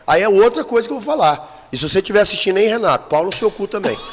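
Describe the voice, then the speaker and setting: Racing along in a high, lively voice, a man recounts his life story as a podcast guest in casual chat. He has a Brazilian Portuguese accent, speaks bluntly and emotionally, curses a lot, and the audio carries a long reverb tail.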